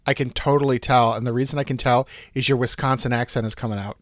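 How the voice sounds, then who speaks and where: A man's voice: mid-range voice, steady tone, fast talker, no room sound, studio quality. A man co-hosting a podcast, chatting casually and wryly while prompting the others. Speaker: podcast co-host.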